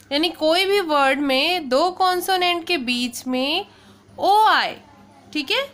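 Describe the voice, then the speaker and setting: Teaching children how to pronounce words, a woman with a high, slightly bright voice spells them out one letter at a time. The lesson feels like a classroom, with slow, careful explanations and frequent checks of "okay".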